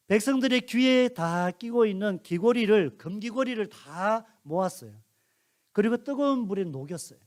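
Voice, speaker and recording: High-voiced man telling a Bible story to children. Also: darkish tone. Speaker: pastor.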